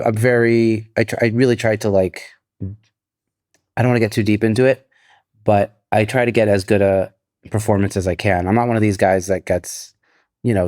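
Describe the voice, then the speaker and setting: A man's voice: fairly low pitch, a little mellow, dry recording, studio quality. Tired man on a laptop mic. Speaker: podcast co-host. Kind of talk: casual chat. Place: neighbor's apartment. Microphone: laptop built-in microphone.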